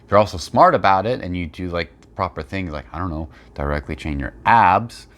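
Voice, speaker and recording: A man's voice: deep voice, fairly quick, a bit bright. A man giving blunt, opinionated, unscripted commentary and explanations as a fitness video creator.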